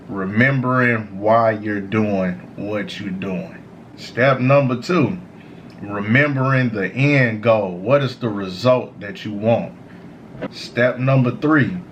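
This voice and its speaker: A man's voice: medium pitch, slight background noise. Stoned man, meandering motivational talk. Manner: repeats "you know" tags, informal slangy phrasing. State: high on cannabis. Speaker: host of a smoke session series. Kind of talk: casual motivational monologue.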